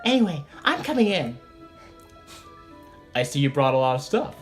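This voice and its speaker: Woman voicing a bossy little teen girl, snappy and lively, for a game reading. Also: sits low, normal speed, faint music behind. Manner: bratty, indignant. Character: feisty small teen girl, snarky and proud. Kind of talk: amateur voice acting of a game.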